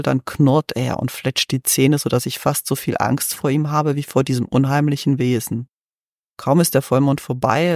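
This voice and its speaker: A man's voice: mid-range voice, gravelly, no echo, clean studio sound, natural voice. A man voicing a bitter, weary shepherd. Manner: sighing, bitter, unbelieving. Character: poor weary male shepherd, bitter, pleading. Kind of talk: storybook reading.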